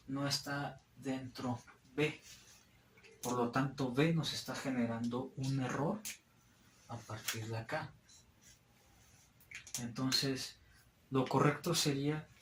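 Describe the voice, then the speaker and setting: A man's voice: medium pitch, a little hiss or hum. A young man, a student, explaining a topic at a board in a hesitant, filler-heavy way. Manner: hesitant, frequent fillers and restarts. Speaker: student presenter. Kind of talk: classroom explanation at a whiteboard. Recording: echoey room.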